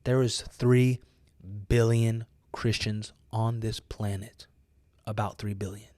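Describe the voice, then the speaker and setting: An American man preaches informally, urging listeners on with emphasis, repeating phrases for effect and using casual, youthful slang. His voice is fairly low and fairly even in intonation, slow and a little mellow, captured in a dry recording.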